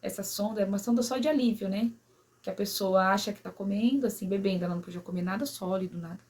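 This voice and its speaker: Breathy woman telling a personal story. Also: mid-range voice, quick pace. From São Paulo, Brazil. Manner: emotional, many "né?" and "sabe assim?" tags, quiet at sad moments. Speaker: vlogger.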